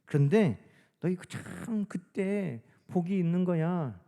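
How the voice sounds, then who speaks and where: A calm male teacher, voiced by a preaching pastor, speaks to his followers in a low, quiet, plain way. The tone is mellow and warm, never loud. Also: slow, creaky, exaggerated voice. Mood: gently warning.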